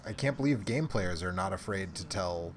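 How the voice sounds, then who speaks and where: A man's voice: low-pitched, lively intonation, moderate pace, background noise. A man co-hosting a live stream, chatting casually in a wry, self-mocking way, often trailing off mid-sentence. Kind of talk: casual chat while watching a live stream.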